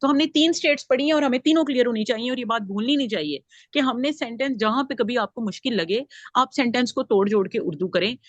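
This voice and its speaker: With a fairly high voice and a fast delivery, a grammar teacher explains her lesson piece by piece while constantly questioning the class. The audio is dull but close and dry, with no echo.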